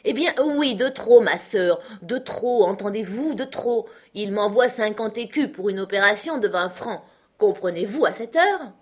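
Une lectrice qui prête sa voix à un oncle d'âge mûr, ironique, honnête et prompt à s'emporter. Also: female voice, medium pitch, expressive, a little slow, pitched above the performer's own voice. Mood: exasperated. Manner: exclaiming, ironic. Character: excitable, principled middle-aged uncle, a man.

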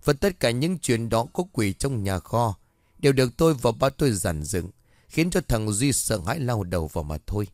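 A man narrating a scripted horror story in a measured, formal way. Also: mid-range voice, big pitch swings, darkish tone, dry recording, studio quality.

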